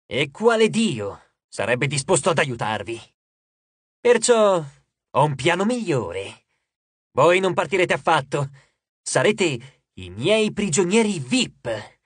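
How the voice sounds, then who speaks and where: A man's voice: very animated, takes it slowly, slightly rough, no echo, heavily acted. A man voicing a mocking, grotesque male sea god who taunts his captives in an audiobook. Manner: taunting, theatrical, booming.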